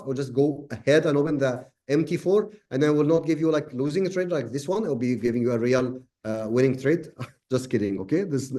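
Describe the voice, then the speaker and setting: A man's voice: fairly high pitch, mellow. A man from Egypt hosting a live trading webinar, answering questions casually with many fillers.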